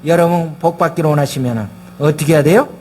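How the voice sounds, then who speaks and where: High-voiced preaching male pastor. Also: fast talker, a little mellow, a little hiss or hum. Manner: emphatic, rhetorical questions to the congregation. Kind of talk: sermon. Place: church sanctuary.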